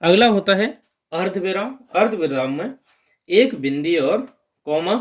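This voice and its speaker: A man teaching an exam-prep grammar lesson explains things step by step at an unhurried pace. His voice is high for a man, with lively intonation, and he raises it to stress each key term.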